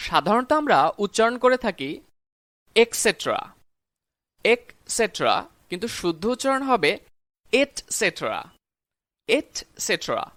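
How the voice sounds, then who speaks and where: An English teacher gives a pronunciation lesson, saying each example word slowly and carefully. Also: medium pitch, fairly bright tone, dry recording, clean studio sound. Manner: slow, carefully spelled-out example words.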